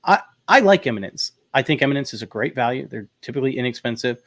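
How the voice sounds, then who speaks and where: A man hosting a casual chat, talking in a relaxed, rambling way with many fillers and restarts. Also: medium pitch, quick pace, no room sound, studio quality. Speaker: host. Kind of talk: casual chat about audio gear.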